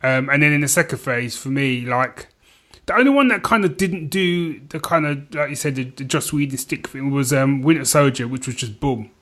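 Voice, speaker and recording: A man co-hosting a podcast chats casually about films in a rambling, conversational way. His mid-range voice is slightly bright and moves at a normal speed.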